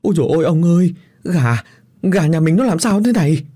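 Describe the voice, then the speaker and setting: A man's voice: mid-range voice, big pitch swings, moderate pace, warm tone, breathy edge. A man voicing an anxious middle-aged country wife who stammers and pleads. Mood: panicked.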